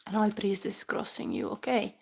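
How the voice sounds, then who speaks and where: Down with the flu, a Finnish tarot reader gives a live session in a gravelly, medium-pitched voice with big pitch swings, going a little fast. She rambles and thinks aloud with fillers and restarts in her Finnish accent, at times whispering as she channels.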